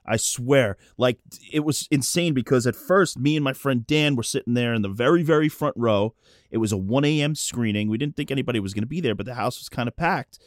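A man co-hosting a podcast in casual chat, an animated storyteller who acts out the people he quotes. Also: mid-range voice, fairly quick, no room sound, studio quality. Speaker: podcast co-host.

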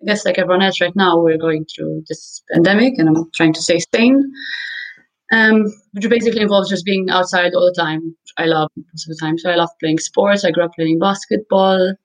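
A woman's voice: lowish voice, steady tone, a little fast, low-quality recording. A woman in her late twenties with a Maltese accent, chatting casually and informally as a podcast guest. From Malta. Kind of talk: casual interview chat.

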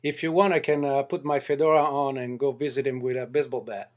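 A man's voice: mid-range voice, fairly even intonation, fast. Hesitant man, guest on a podcast. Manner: hesitant, repeats words when starting. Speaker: guest knifemaker. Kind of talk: casual podcast chat.

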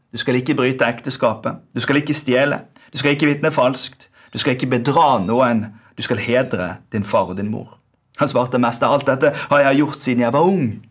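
A Norwegian man delivers a sermon in a mid-range voice. He preaches in a measured way, often letting the ends of his phrases fall away quietly. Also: mid-range voice. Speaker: pastor.

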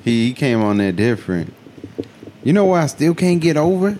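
A man's voice: mid-range voice, big pitch swings, moderate pace, warm tone, a little hiss or hum. A man casually bantering as a podcast co-host, talking in heavy slang and constantly saying bro.

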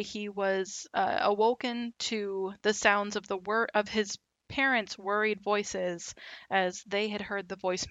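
A woman hosting a podcast, telling a story in a relaxed, casual way with lots of fillers. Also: mid-range voice, dry recording, highs cut off. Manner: relaxed, with many fillers and asides.

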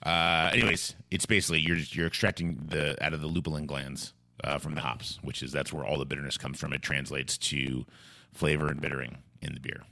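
A man hosting a podcast in casual talk, rambling and halting as he restarts his phrases. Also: rumbling low, fairly even intonation, gravelly, bright, forceful tone, dry recording. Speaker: podcast host.

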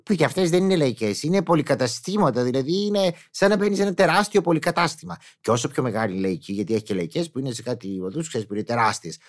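A man's voice: mid-range voice, lively intonation, hardly any pauses. A man delivering a casual comic monologue in a chatty, exclamatory way, with mock-indignant asides.

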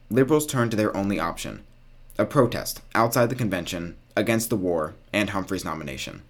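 A man hosting a podcast, reading scripted history narration with casual, wry asides. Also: lowish voice. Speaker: podcast host.

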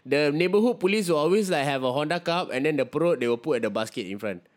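A Singaporean man chatting casually as a co-host, in an animated, slangy way peppered with "bro", "man" and "lah". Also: a little high, fast. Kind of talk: casual chat.

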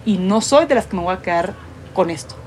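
A woman's voice: on the low side, a little fast, a little hiss or hum. A woman, a professional footballer telling her story in a casual interview, acting out what people said. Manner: animated storyteller acting out quoted voices.

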